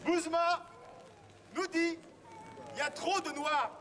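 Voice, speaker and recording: A man cries out like a town crier in a very high, projected voice. He declaims public notices and messages line by line. He is recorded out in an urban street, with a crowd audible around him. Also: fairly even intonation, takes it slowly. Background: crowd and street sounds.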